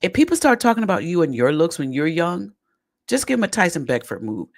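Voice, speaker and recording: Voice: mid-range voice, very animated, fairly quick, creaky. Podcast host, casual commentary, folksy, chatty, stumbles over names while reading aloud.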